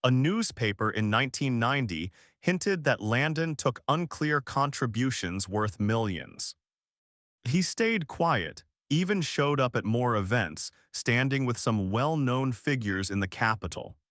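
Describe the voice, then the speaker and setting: A man reading a scripted documentary narration in a measured, dramatic storytelling manner. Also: mid-range voice, expressive, a bit bright, no room sound, clean studio sound.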